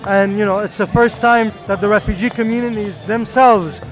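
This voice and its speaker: High-voiced man, protest organizer outdoors. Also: fairly even intonation, moderate pace, soft background music, some chatter behind. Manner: earnest, fluent. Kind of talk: street interview. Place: outdoors at a street march.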